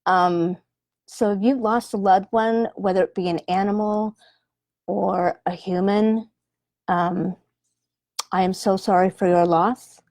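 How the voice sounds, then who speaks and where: A woman in her forties, a medium on a live stream, speaking gently with many pauses and ums. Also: medium pitch, fairly even intonation, no room sound, clean studio sound. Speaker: animal communicator and medium. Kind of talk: live-stream chat with viewers. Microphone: webcam or phone livestream.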